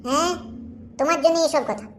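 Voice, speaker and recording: Woman doing a bossy cartoon wife, high voice, nags and scolds a lot. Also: fairly quick, a little hiss or hum, natural voice. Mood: complaining. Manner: nagging, scolding. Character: bossy young housewife, quick-tempered. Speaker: wife character. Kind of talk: cartoon voice acting.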